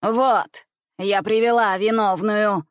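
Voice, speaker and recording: Woman doing angry shrill governess lady, screechy, yelling, dry sound. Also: fairly even intonation, slow, smooth, no echo, lightly acted. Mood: shrieking. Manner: screeching, accusing. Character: shrill furious governess, middle-aged woman.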